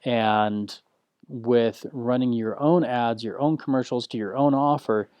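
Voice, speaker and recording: Male course instructor: slow, flat-affect, not salesy, restarts a lot; dry close-mic read. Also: clear, resonant tone, no echo, muffled recording. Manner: slow, low-key, unanimated delivery; frequent restarts and filler words. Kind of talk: recorded course lesson.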